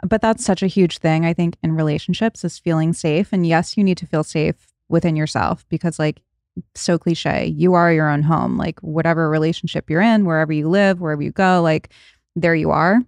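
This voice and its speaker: A woman's voice: low voice, fairly even intonation, a little fast, a little mellow, no echo. A woman in her late thirties hosting a podcast, chatting casually, laughing often and trailing off mid-thought. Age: 30s. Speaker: podcast host. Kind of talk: casual chat.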